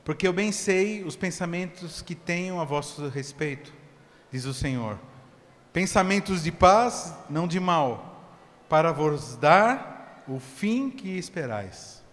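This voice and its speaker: High, bright-voiced preaching pastor. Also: male voice, animated. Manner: shifts from shouting to quiet, quick asides. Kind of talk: sermon. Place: church hall. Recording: long church reverb, faint background noise.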